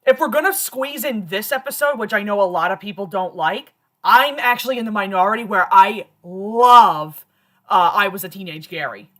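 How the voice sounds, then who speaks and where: A woman's voice: medium pitch, moderate pace, fairly bright tone. A woman hosting a livestream, chatting casually and laughing often. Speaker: livestream host. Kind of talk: casual chat.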